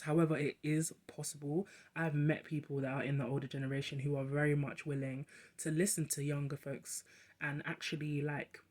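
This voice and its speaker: Young adult host, casual monologue; quick and talkative, restarts often. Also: mid-range voice, a little mellow.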